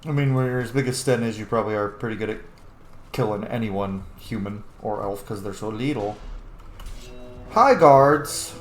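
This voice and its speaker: A gamer with a lowish male voice narrates his playthrough at a normal speed, tossing out casual, playful commentary and talking to the game's characters. Soft music plays behind him in an echoey, noisy room.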